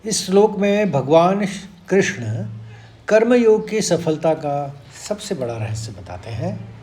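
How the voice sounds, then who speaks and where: A man teaching a sacred Sanskrit verse, explaining it slowly and deliberately and chanting the lines again and again. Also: a little high, darkish tone, slight background noise. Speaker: Gita teacher. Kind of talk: devotional verse lesson.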